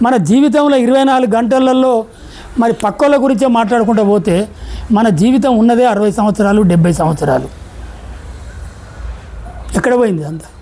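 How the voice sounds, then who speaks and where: A woman's voice: fairly high pitch, brisk, long pauses, mellow, a little hiss or hum, poor audio. A middle-aged woman with a Telangana Telugu accent giving a motivational sales seminar talk, firing rhetorical questions and acting out little dialogues.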